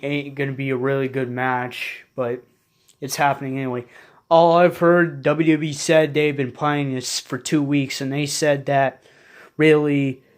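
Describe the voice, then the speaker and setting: A young man chatting casually in a late-night home vlog, rambling and restarting his sentences often. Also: mid-range voice. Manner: rambling, repeats himself, frequent restarts. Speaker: vlogger.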